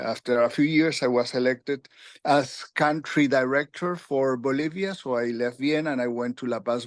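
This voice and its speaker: A Peruvian man in his sixties, a retired UN official, recounts his career in a conversational interview. His medium-pitched speech halts often, full of fillers and restarts. The recording is dry and of studio quality.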